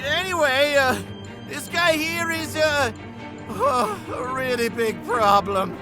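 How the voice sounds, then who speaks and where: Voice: high voice, animated, slow pace. An actor voicing a brash, whiny, panicky boy hero in a melodramatic cartoon parody dub, over music. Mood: shocked. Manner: melodramatic, stammering when nervous. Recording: music behind the voice.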